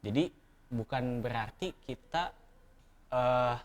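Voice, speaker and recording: A man's voice: mid-range voice, slow. A man with an Indonesian accent chatting casually as an interview guest, with a lisp that blurs his r sounds. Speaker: barista competition champion, interview guest. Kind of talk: casual chat.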